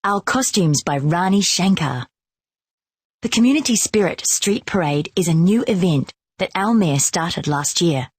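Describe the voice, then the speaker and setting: Slow, husky woman reading a storybook. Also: fairly low pitch, no room sound, clean studio sound. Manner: slow, expressive, clearly paced delivery. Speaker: storybook reader.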